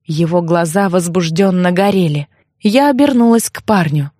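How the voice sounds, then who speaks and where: A woman narrating a first-person novel in an even, expressive storytelling voice. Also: on the low side, moderate pace, no echo, studio quality. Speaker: audiobook narrator.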